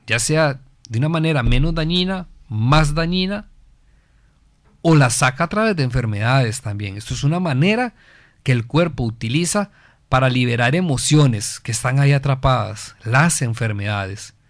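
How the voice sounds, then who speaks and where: In his family guidance program, a man from Costa Rica, speaking Costa Rican Spanish, earnestly lectures on parenting, regularly answering his own rhetorical questions and repeating key phrases for emphasis. He has a mid-range voice with lively intonation and a moderate pace, captured in a dry, clean studio recording.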